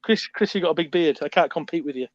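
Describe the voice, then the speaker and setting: A rambling, chatty man talks over a video call that keeps breaking up, so his words come through in a buffering stutter. His voice sits a little high, and the sound is muffled and dry. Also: quick pace, no room sound. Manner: chatty, rambling, laughs often. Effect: choppy video-call connection with buffering stutter. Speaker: guest on a live stream. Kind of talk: casual chat. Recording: dull lo-fi call audio, dry.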